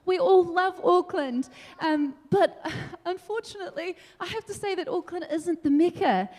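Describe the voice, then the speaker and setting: A young woman from New Zealand giving an energetic, animated debate speech, laughing between points. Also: very high-pitched, normal speed. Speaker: debate speaker. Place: large council meeting hall. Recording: long hall reverb.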